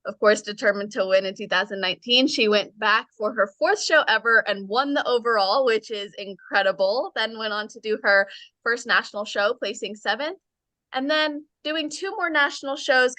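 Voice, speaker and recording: A woman's voice: fairly high pitch, sharp tone, dry recording. A woman hosting a podcast, reading an upbeat intro and then chatting with her guest. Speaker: podcast host. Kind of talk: podcast interview.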